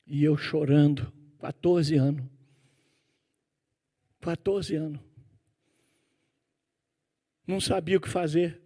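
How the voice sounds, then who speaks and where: A middle-aged Brazilian man preaches in a church, his voice sitting notably high. He tells stories with animated sound effects. He turns often to question the congregation directly. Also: normal speed. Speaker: pastor. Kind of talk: sermon with personal storytelling.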